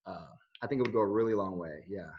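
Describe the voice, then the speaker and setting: A deep-voiced man in his thirties, a video journalist raised in Switzerland with no accent, talks at a quick pace as the interviewee in a relaxed conversation. His answers are earnest and rambling, packed with fillers and restarts, over dull lo-fi audio.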